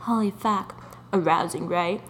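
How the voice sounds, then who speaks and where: A young woman co-hosting a podcast, telling a dating story in a casual, animated way, often laughing and mocking herself. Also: fairly low pitch, unhurried. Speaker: podcast co-host.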